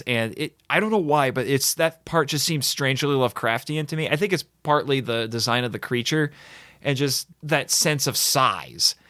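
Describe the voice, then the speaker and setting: A man hosting a podcast, chatting casually and eagerly about films, talking in quick bursts with small laughs. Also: medium pitch, a bit bright, clean tone, no room sound, clean studio sound. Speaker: podcast host.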